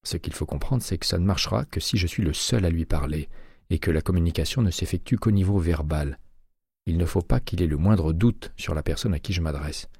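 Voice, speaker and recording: Calm male hypnotist, read by a man, measured, firm, deep dark voice, audiobook. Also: slightly rough, no echo, clean studio sound. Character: calm, self-assured male former FBI hypnotist.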